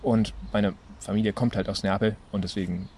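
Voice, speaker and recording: 23 yo italian-born guy, interview chat, kinda hesitant, lots of ums, lowish voice. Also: fairly even intonation, fairly quick, a little mellow, breathy edge. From Italy. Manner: loose, hesitant, many fillers. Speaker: interviewee, student. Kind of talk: casual interview talk.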